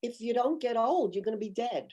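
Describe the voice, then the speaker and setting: A woman's voice: on the high side, lively intonation, fairly quick, warm tone, lo-fi sound. An older woman, an author, talking thoughtfully in an interview over a video call, telling stories with emphasis. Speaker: author guest. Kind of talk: conversational interview.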